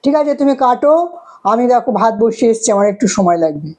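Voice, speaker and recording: A woman vlogger acting out a busy morning in a home-made skit. Her voice is mellow and set a little high. She talks briskly, chiding and fond by turns. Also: animated, low-quality recording. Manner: brisk, chiding, affectionate with pets. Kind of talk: acted everyday role-play skit.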